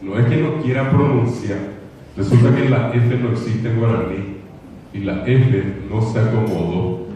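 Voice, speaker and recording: A man's voice: deep voice, background noise. A man with a Paraguayan Spanish accent giving an earnest, repetitive conference lecture, now and then mimicking how children mispronounce words. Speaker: congress speaker. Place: lecture hall. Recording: echoey hall from far off, dull.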